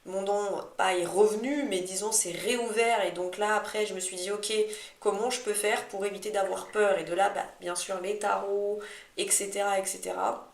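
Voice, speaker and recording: A woman's voice: medium pitch, steady tone, moderate pace, vocal fry. A talkative woman co-hosting a podcast, chatting casually and drifting into digressions as she tells her own story. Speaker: astrology podcast co-host. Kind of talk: casual conversational chat about personal experience. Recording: echoey room.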